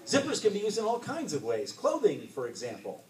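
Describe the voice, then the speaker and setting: A man's voice: sits high, huge pitch swings, a little fast, darkish tone, pitched above the performer's own voice. A man reading aloud and voicing an earnest, clever teenage boy who explains eagerly. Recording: roomy, distant mic, faint hiss.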